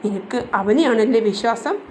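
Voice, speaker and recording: A woman's voice: fairly high pitch, animated, normal speed, a little mellow, slight background noise, lightly acted, rough recording. A woman reading a storybook part as a grieving, angry older mother who speaks with bitter accusations. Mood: bitter accusing.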